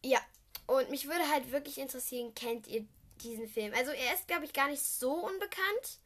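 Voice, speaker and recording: A teenage girl from Düsseldorf, Germany hosts her own casual solo film-review podcast, her voice high and a bit bright at normal speed. She rambles, corrects herself, and drops giggly asides, speaking into a simple home microphone.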